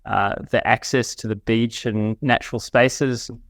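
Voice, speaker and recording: A man's voice: medium pitch, fairly even intonation, normal speed, no room sound, clean studio sound. Reflective man. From New Zealand. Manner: thoughtful, reflective, with frequent restarts. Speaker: guest, company CEO. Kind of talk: casual interview chat.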